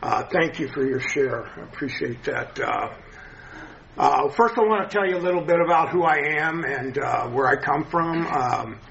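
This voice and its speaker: A man's voice: medium pitch, expressive, moderate pace, gravelly, fairly bright tone, slight background noise. Guy in his 70s, lispy no-teeth talk, casual testimony at a meeting, muffled echoey recording. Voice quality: lisp from missing teeth. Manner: informal, conversational. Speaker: speaker sharing a recovery story at a meeting. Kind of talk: personal testimony talk to a group. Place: echoey indoor meeting room.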